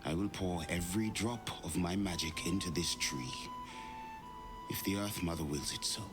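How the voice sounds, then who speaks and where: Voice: sits low, normal speed, over music, lightly acted. An actor voicing a grave, devout druid in a video game, speaking in a solemn, reverent way. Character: grave, devout druid praying to the Earth Mother.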